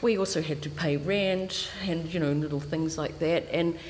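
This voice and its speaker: Speaking as an artist on a panel, a woman from New Zealand reflects haltingly, repeating words as she works out what to say. Her low voice has fairly even intonation and a darkish tone. A stand mic picks her up in a reverberant indoor art gallery, with a faint hiss in the recording.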